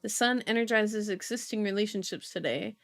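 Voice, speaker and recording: A livestream host who reads tarot and horoscopes talks a little fast in a medium-pitched voice with some vocal fry, and there's no echo. Her stream is casual chat mixed with reading aloud as she muses over the cards and often draws out her words.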